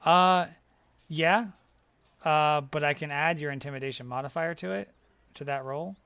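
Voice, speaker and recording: A man's voice: fairly high pitch, normal speed, bright, forceful tone, clear, resonant tone, no room sound. A man narrating as dungeon master, casual and laughing, with some swearing. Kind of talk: narrating a tabletop game.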